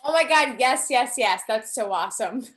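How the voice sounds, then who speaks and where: A woman's voice: fairly high pitch, expressive, moderate pace, a bit bright. A woman playing a tabletop game on a live stream, chatting informally and reacting to the others. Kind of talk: casual live-stream chat.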